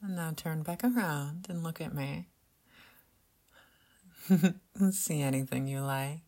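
A woman playing a doting, seductive mother figure in an intimate audio roleplay, talking softly in murmurs and whispers with hums and light laughs. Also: low voice, heavily acted. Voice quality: soft, whispery. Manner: slow, murmuring, teasing, with frequent hums and soft laughs.

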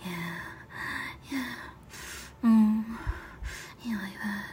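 A woman playing a sadistic, unhinged female killer in an adult audio roleplay, talking in a breathy whisper broken by laughs. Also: mid-range voice, extremely slow, dark tone, slight background noise. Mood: taunting whisper.

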